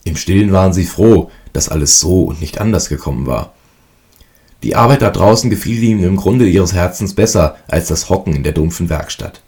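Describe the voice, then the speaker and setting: Deep-voiced man reading a fairy tale. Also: animated, fairly quick, dark tone. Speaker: storyteller. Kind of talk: storybook reading.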